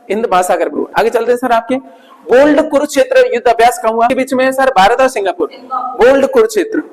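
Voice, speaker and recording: With a very high-pitched voice, a male coaching teacher reviews material for his students, asking questions and then answering them on his own. He hammers key points through repetition as memory aids, and the audio has a long hall reverb.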